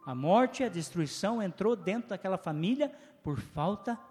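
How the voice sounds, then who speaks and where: A man's voice: sits high, animated, moderate pace, a little mellow, in a large hall, faint music behind. A man with a Brazilian Portuguese accent preaching a sermon in a church, full of rhetorical questions and call-and-response with his listeners. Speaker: pastor. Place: church hall.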